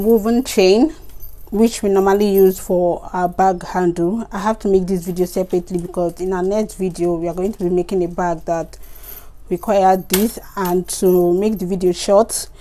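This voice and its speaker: A woman's voice: lowish voice, warm tone. A woman hosting a craft channel, talking through a sewing tutorial in a casual, chatty way, with a tired voice and instructions she repeats. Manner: chatty, repeats instructions, frequent "okay" and "so guys".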